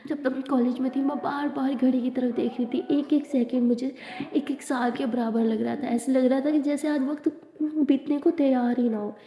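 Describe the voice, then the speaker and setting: A woman's voice: sits high, mellow. A woman narrating a love story in a chatty, casual way, dropping in English words. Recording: echoey room, dull lo-fi sound.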